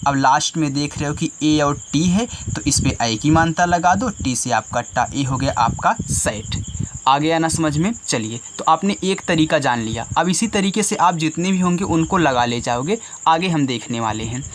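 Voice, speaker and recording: Guy teaching kids to read, patient, step by step, bit high voice, crickets faint behind. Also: animated, moderate pace, few pauses, slight background noise. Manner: patient, explains step by step with repeated questions. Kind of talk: phonics lesson for children.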